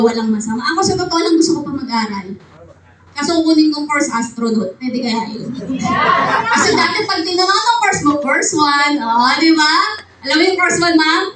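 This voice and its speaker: High-voiced woman rallying a crowd. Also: normal speed. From Philippines. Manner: animated, call-and-response questions to the crowd. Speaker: business seminar speaker. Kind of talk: motivational seminar talk. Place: event hall before an audience. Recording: echoey hall, distant mic, loud noise.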